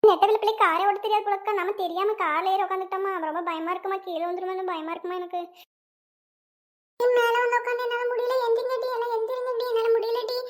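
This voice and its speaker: A woman voicing a loud, bossy grown woman who scolds and grumbles in a comedy cartoon. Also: very high voice, steady tone, quick pace. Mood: complaining.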